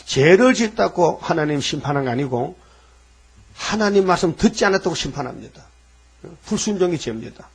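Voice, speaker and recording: A man's voice: fairly high pitch, expressive, brisk, creaky, slightly rough. A man preaching a sermon in a colloquial style, asking the listeners rhetorical questions and acting out the voices in the scripture. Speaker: pastor.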